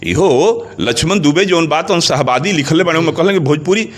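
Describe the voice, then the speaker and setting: A middle-aged man with a Bhojpuri accent speaking passionately in an interview, asking rhetorical questions and rising in pitch on his points. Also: lively intonation, fairly quick, a little hiss or hum. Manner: emphatic, rhetorical questions, rises in pitch when stressing points.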